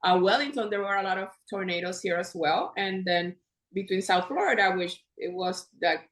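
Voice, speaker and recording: A woman in her fifties from Puerto Rico, a podcast guest in casual conversation, animated and laughing often as she talks. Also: mid-range voice, moderate pace. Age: 50s. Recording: echoey room.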